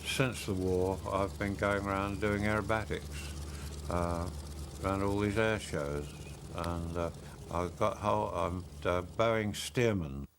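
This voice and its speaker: An older man talks casually and haltingly in an interview, in a very deep, gravelly voice. Faint noise sits behind him. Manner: halting, with many uh fillers. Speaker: aerobatic pilot.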